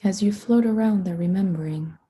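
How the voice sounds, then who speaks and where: A woman leading a guided meditation in a soft, soothing voice with long pauses, her breathy tone sometimes sinking to a whisper. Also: medium pitch. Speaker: meditation teacher.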